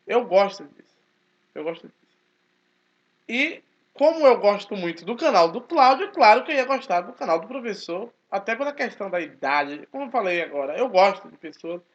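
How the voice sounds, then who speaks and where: A man, talking casually to his channel in a forceful, emphatic way. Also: high voice, brisk. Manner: speaks forcefully, animated and emphatic. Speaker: channel host, Baptist churchgoer. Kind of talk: casual spoken commentary. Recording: dull lo-fi recording.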